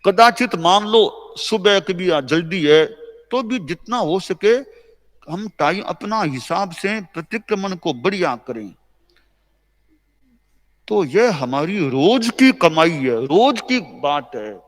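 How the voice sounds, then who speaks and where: A man's voice: sits high, animated. Indian man preaching in a reverberant hall. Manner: conversational, repetitive, gently instructive; slow measured chanting of recited verses. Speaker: Jain spiritual teacher. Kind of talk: sermon. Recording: long reverb of a large hall.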